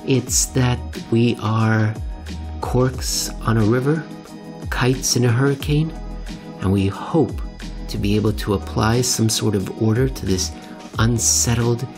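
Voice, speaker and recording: A podcast host with a somewhat low voice reads dramatically and comments conversationally, using deliberate, theatrical phrasing and pausing for effect.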